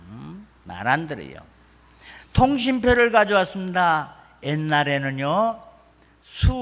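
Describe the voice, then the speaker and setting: A high, lively older man preaches slowly and deliberately, his voice swooping up and down as he acts out family conversations. He speaks through a microphone, and his voice trails off into the long reverb of a church hall. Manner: animated storytelling, acting out family dialogue. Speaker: retired senior pastor. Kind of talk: revival sermon with anecdotes. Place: church revival meeting hall.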